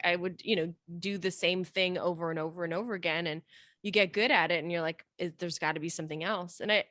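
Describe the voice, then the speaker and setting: A woman's voice: fairly low pitch, fairly bright tone, no room sound, clean studio sound. A woman from Romania, a dental hygienist and practice owner, chatting casually and joking in an interview.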